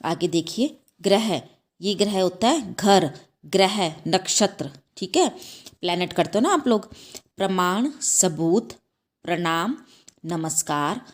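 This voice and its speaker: A woman teaching a class of young children, explaining slowly and patiently, often checking understanding with a rising "okay?". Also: animated. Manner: repeats "ठीक है?" with a rising pitch, asks children questions; slow, patient, self-correcting. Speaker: school teacher. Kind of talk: slow explanatory class lesson.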